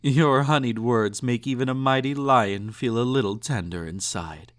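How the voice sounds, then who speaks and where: With a natural, mid-range voice at normal speed, a man performs a snobby, possessive emperor for an intimate romantic audio roleplay. Both indulgent and menacing, he delivers lines in a haughty, condescending purr. It comes across as smug, tender and teasing.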